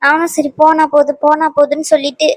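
A woman's voice: high voice, flat delivery, a little fast, no echo, close to an everyday voice. A woman voicing a strong-willed young wife in a cartoon dub, talking emphatically and scolding. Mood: determined. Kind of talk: cartoon dubbing.

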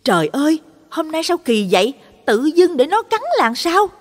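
A woman voicing a sharp-tongued middle-aged wife who scolds and hurries her husband, in a reverberant audio story. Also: expressive, brisk, lightly acted. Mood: nagging. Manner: shrill, scolding and nagging.

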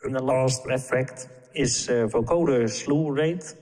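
A man narrating a software tutorial, calm and explanatory, with the odd filler. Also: mid-range voice, measured pace, in a large hall. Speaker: app tutorial presenter.

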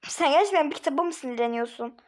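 A woman's voice: high-pitched, animated, very fast. A woman voicing a teenage schoolboy, dry and bossy, teasing a classmate in a hobby drama.

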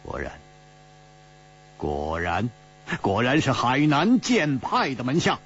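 A man's voice: mid-range voice, huge pitch swings, takes it slowly, slightly rough, heavily acted. A male storyteller playing an easygoing, curious young male adventurer who muses and chuckles, in a traditional storytelling audiobook. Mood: grave. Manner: amused, musing. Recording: slightly dull recording with faint hum.

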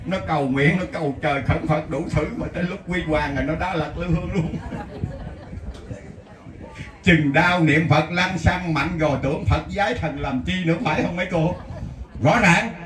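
A man with a Southern Vietnamese accent giving a folksy lay Buddhist sermon, telling stories and chanting verses slowly. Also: fairly high pitch, fairly bright tone. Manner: storytelling, recites verses in a slow chant. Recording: echoey, distant mic, faint hiss.

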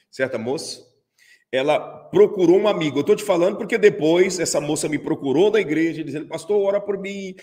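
Middle-aged Brazilian preacher, emphatic storyteller, high-pitched man. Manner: emphatic, repetitive. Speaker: pastor. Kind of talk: sermon with storytelling.

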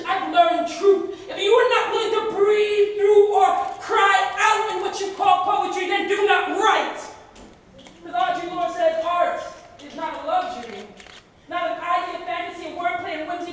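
A woman with a Canadian accent and a very high-pitched voice performs spoken word poetry at a slam, her rhythmic, emphatic delivery surging in intensity. The indoor art gallery with a seated audience is captured by a far camera at the back, so the sound is echoey and distant, with slight background noise.

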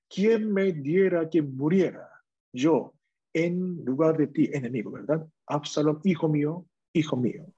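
Husky preacher man, dull dry recording. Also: fairly high pitch, darkish tone. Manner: slow, deliberate reading of Bible verses. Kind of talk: sermon. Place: church.

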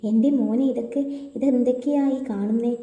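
Doting middle-aged mother-in-law, read by a woman, coaxing manner, mellow dark tone, roomy echo with long reverb. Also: a little high, steady tone, a little fast, dull audio, natural voice. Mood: gentle.

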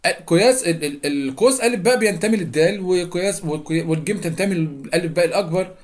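Young Egyptian male teacher, rapid and higher-pitched, casual lesson talk that quizzes the class. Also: darkish tone. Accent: Egyptian Arabic. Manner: quick, chatty, repeats steps and quizzes students. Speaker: math teacher. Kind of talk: geometry lesson explanation.

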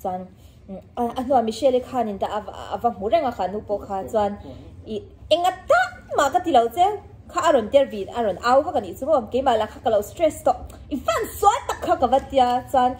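A young woman chats casually to the camera about her wedding, rambling and laughing often as she goes. Her voice sits a little high. Faint background noise runs underneath her. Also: lively intonation, fast, darkish tone. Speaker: vlogger, half of a married couple. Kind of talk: casual chat.

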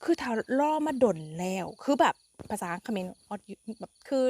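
A woman's voice: on the high side, animated, normal speed, slightly rough. A woman teaching English vocabulary on a live stream, chatty and upbeat, mixing English and Thai. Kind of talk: live-streamed language lesson.

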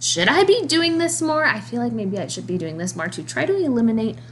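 Fairly high and swinging widely in pitch, this woman in her thirties narrates her cleaning vlog at a brisk clip. She's chatty and enthusiastic with occasional laughs, over faint background music and slight background noise.

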